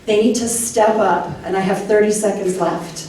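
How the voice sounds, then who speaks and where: A woman's voice: medium pitch, steady tone, moderate pace, dark tone, slight background noise. A woman state representative and former teacher giving a heartfelt, rallying campaign speech. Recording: echoey room from far off.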